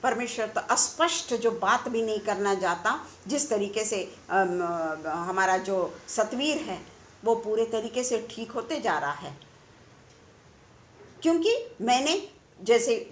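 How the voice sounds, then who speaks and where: A woman's voice: medium pitch, roomy sound, slight background noise. A woman preaching a conversational sermon, asking her listeners rhetorical questions. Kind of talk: online sermon.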